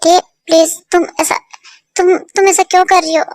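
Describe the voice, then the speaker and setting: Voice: very high voice, little pitch movement, moderate pace, darkish tone, no echo. A young performer voicing a desperate young man who stammers as he pleads with the woman he loves. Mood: pleading. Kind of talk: Hindi fan dub drama. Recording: music playing underneath.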